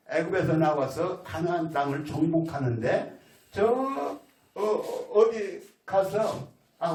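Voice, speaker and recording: In a church sanctuary, a pastor preaches a folksy, storytelling sermon and acts out the voices of the people in his tale. His voice is fairly high and a little mellow, picked up by a distant mic in the echoey hall.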